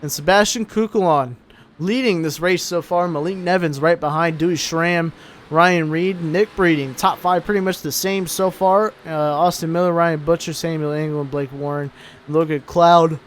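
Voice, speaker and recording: A man's voice: a little high, fairly even intonation, normal speed, a little hiss or hum. A young man giving casual, laid-back commentary on a sim truck race, sounding tired between calls.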